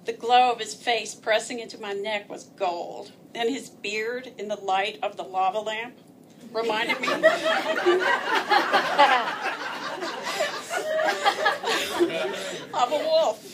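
A woman's voice: mid-range voice, fairly even intonation, normal speed, heavy background noise. A woman telling a personal story aloud in a wry, self-mocking way, often laughing as she speaks.

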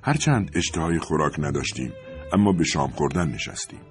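A man reading a novel aloud as a narrator, in measured, expressive storytelling. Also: extremely low pitch, faint music behind.

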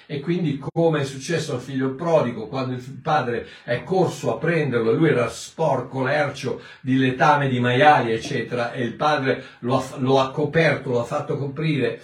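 A man's voice: medium pitch, normal speed, hardly any pauses. A man teaching from the Bible in a sermon, explaining verses in a conversational, emphatic way. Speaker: preacher. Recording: echoey room, mic at a distance.

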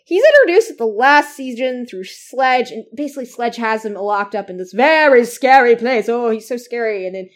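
Barely pausing, this co-host of a casual fan podcast wanders through her points, leaning on "like" and "uh" constantly. She speaks at a moderate pace in a slightly high, animated voice.

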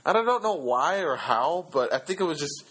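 A man's voice: a little high, fairly quick, breathy edge, poor audio. A man chatting casually about movies, rambling and joking. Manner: rambling, jokey, animated. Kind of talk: casual chat.

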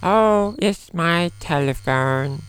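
A woman's voice: fairly low pitch, animated, takes it slowly, clean tone. A woman voicing a bossy, short-tempered, meddling aunt in an amateur comedy audio drama, scolding and snapping insults. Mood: nagging. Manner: scolding, nagging, snaps and shouts insults.

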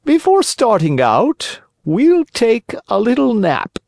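A man's voice: very high-pitched, huge pitch swings, takes it slowly, creaky, darkish tone, no echo, studio quality, voice pushed up, full character voice. A man doing a sly drawling fox. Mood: scheming. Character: sly scheming male fox, smooth-talking.

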